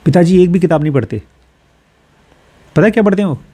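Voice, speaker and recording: Fast-talking and animated, this man has a high, mellow, husky voice. He's a course teacher from Uttar Pradesh, India, who reads English passages from a self-help book and talks through them casually with examples from daily life.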